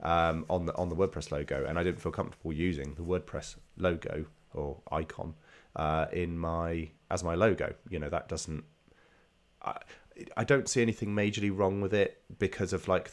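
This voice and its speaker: A man with a nasal, stuffed-up voice from a slight cold, talking casually as a podcast host. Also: rumbling low.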